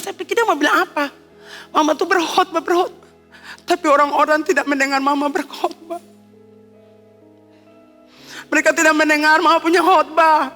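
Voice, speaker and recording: A middle-aged woman pastor with an Ambonese Malay accent delivers an emotional sermon, her voice high and bright. She leans on repetition and fervour. The sound carries the long reverb of a church hall, with soft music under it. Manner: fervent, emotional, repeats phrases.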